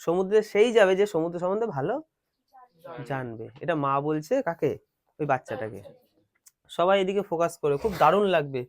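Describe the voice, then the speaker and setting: A male teacher giving a classroom lesson. He reads English lines slowly, then explains them and quizzes his students. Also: a little high, expressive.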